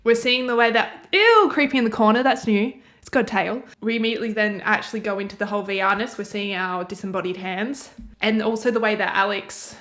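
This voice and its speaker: A woman's voice: medium pitch, a bit bright. Chatty woman reacting to a trailer. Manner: chatty, rambling, thinks aloud. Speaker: reaction video host. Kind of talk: casual commentary on a game trailer.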